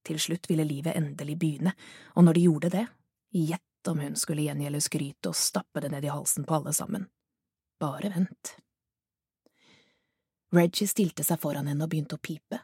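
A woman narrating a thriller audiobook in a measured, hushed manner. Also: sits low, fairly even intonation, breathy edge, no room sound, studio quality. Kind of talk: scripted narration.

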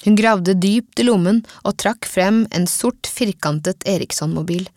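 A woman narrating a children's novel in an even, measured reading voice. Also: medium pitch, no echo, studio quality. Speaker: audiobook narrator.

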